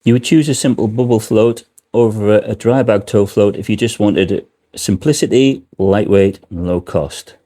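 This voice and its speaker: A man's voice: lowish voice, normal speed, hardly any pauses, warm tone. A man giving an informal product explanation as a presenter, speaking indoors in a shop.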